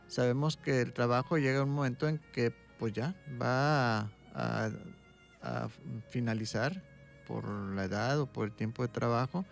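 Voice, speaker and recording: Gravelly man, calm explainer. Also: medium pitch. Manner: calm, explaining, tags points with "¿sí?". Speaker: doctor, guest expert. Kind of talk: explanatory interview talk.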